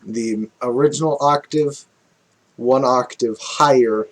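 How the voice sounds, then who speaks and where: Slow-talking man explaining music production. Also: mid-range voice. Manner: relaxed, thinking aloud with fillers and self-corrections. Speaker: music tutorial creator. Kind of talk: casual screen-recorded music tutorial.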